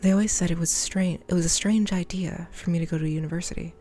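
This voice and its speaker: A woman reads game letters aloud on a live stream. Her voice sits low and has a dark, mellow color, and she often drops into a hushed whisper as she reads. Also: fairly even intonation, fast talker. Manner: often drops into a soft whisper while reading.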